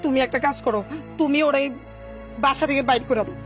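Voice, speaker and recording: An actress playing a fiery, quarrelsome young wife who scolds fast and shrill in a Bangladeshi dialect. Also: female voice, soft background music, natural voice. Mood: pleading.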